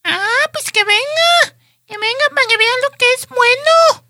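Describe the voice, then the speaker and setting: A whiny little kid. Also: female voice, very high voice, animated, measured pace, pushed and bright, dry recording, clean studio sound, exaggerated voice. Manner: childish whine. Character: small whiny child calling for mom.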